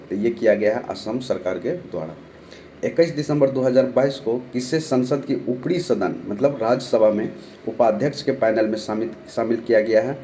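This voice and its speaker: For an online exam-prep class, a young man from Bihar goes through current-affairs questions, reading each, answering, and repeating names to memorize. A sore throat colors his dark, mellow, medium-pitched voice, and faint noise lingers in the background.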